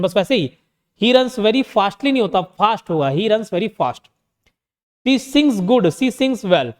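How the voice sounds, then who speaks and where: A man with an Indian accent teaching English grammar, asking his own questions and answering them, reading the example sentences out slowly. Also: sits high, big-room sound. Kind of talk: online exam-prep lesson.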